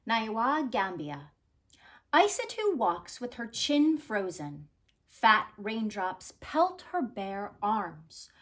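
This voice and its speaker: Like a teacher sharing a book with her students, a woman reads a children's story aloud in a fairly high voice. She lingers over each phrase, shifting her pitch expressively in a deliberate storytelling delivery.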